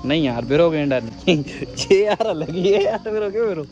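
Holding his phone, a young Indian vlogger chats and jokes with his friend while wandering a hillside restaurant and park. His fairly high, slightly mellow voice is animated and moves at a normal speed. The outdoor recording is muffled, with soft music and clear background noise.

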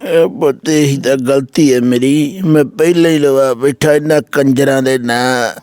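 A man playing a frail, elderly father in a staged comedy interview, speaking in a soft, weary, pleading voice with a Punjabi accent. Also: mid-range voice, steady tone, moderate pace, no echo, clean studio sound, lightly acted. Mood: sorrowful. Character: frail elderly father neglected by his sons.

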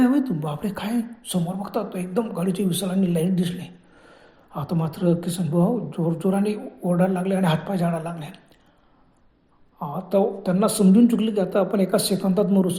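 A man narrating a horror story dramatically, dropping to hushed whispers at tense moments. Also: high voice. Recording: echoey room.

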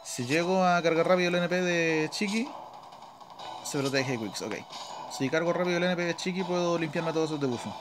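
Brisk and on the high side, a man's voice comes through a noisy background along with game music. He's a gaming video host with a Chilean Spanish accent, casually narrating his play and thinking out loud.

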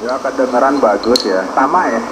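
A man comes through a ham radio receiver, chatting in a relaxed radio contact. His voice sits at a middle pitch and is buried in clear hiss and static, and he closes each turn with a sign-off word. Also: brisk. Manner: ends turns with a sign-off word. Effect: heard over a ham radio receiver. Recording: noisy, staticky radio transmission.

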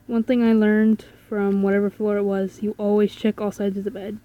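A woman's voice: medium pitch, flat delivery, moderate pace, phone-quality sound. Woman thinking aloud over a horror game. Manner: hesitant, thinking aloud with fillers. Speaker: gamer playing a horror game. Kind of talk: let's play commentary.

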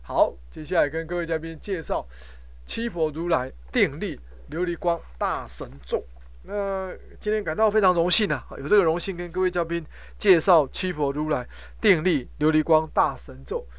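A middle-aged man giving an informal lecture on Sanskrit pronunciation, repeating himself and ending phrases with a drawn-out "ha". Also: on the high side, no echo. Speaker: professor teaching Sanskrit pronunciation.

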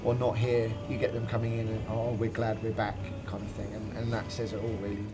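Low, even-toned man. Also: a little fast, far from the mic, very noisy. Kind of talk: casual interview. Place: large empty bingo hall, seated interview.

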